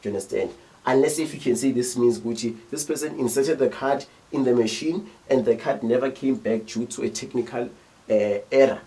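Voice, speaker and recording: A young man with a South African accent talks through a lesson casually, keeping listeners engaged with quick check-in questions. His voice sits at a middle pitch and sounds slightly distant from the microphone. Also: dark tone. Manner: chatty, checks in often with rhetorical questions. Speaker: teacher.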